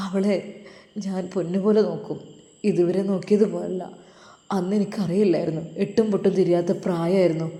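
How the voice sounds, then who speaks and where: A woman's voice: lowish voice, warm tone, lightly acted. A woman voicing a devoted young husband who makes earnest promises. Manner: earnest, vowing. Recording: echoey room with long reverb.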